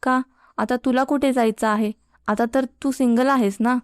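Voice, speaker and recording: A woman's voice: on the high side, fairly even intonation, normal speed, clean tone, no echo, studio quality, lightly acted. A woman voicing a teasing, encouraging young male college student.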